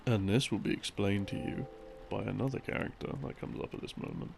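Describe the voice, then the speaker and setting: This man talks briskly in a lowish voice with vocal fry, with a little hiss or hum on the recording. Narrating as a boyfriend, the audio creator gives a meandering, casual, intimate account of game lore with wry, unsure asides over soft game theme music.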